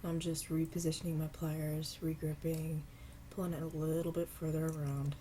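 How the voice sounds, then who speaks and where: Sounding stuffy from a cold, a low-voiced woman walks viewers through making earrings at her home craft table in a casual, step-by-step tutorial. She takes her time, stays relaxed, and pauses every so often to apologize, with a faint hiss of background noise behind her.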